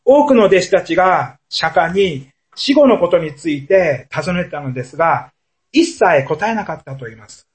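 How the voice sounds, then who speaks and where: A man's voice: on the high side, expressive, normal speed. A man preaching a sermon as a pastor, telling stories in an earnest, storytelling manner.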